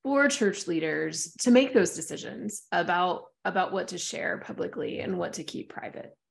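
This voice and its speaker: A woman hosting a podcast interview, putting her questions in a measured, clear way. Her voice sits low, with a gravelly, creaky texture. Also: lively intonation. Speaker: podcast host.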